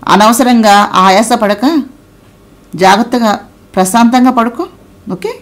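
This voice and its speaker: A woman's voice: on the high side, expressive, a little slow. Woman reading as a smug, breezy young husband. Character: confident, teasing young husband, man.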